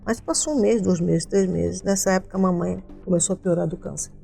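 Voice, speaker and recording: A woman's voice: lowish voice, fairly quick, creaky, warm tone, faint music behind. A woman from Rio de Janeiro, an interview guest telling a personal story with vivid retellings and quoted voices.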